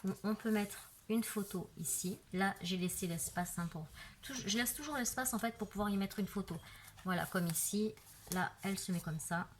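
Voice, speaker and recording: A woman's voice: mid-range voice, normal speed, a little hiss or hum. A woman casually showing off a handmade craft album, chatting as she turns each page and filling her talk with "voilà" and "euh". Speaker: craft video maker. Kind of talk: casual craft show-and-tell. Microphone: camera on a tripod.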